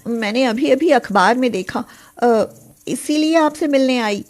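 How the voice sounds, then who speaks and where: Casting: woman voicing a high-pitched, soft-hearted poor young sister, pleading, storybook. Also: measured pace. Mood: gentle. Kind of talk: storybook voice acting.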